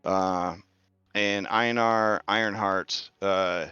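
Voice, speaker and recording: A man narrating a tabletop game as game master in a halting, improvised way. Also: fairly low pitch, steady tone, sharp tone, clean tone, dry recording, lo-fi sound, faint music behind.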